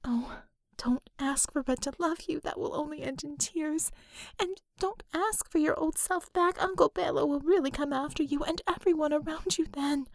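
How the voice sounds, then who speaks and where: A woman's voice: sits high, moderate pace, creaky, dry recording, clean studio sound, voice pushed up. A woman voicing an exhausted young female magician who stammers and sounds anxious. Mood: pleading.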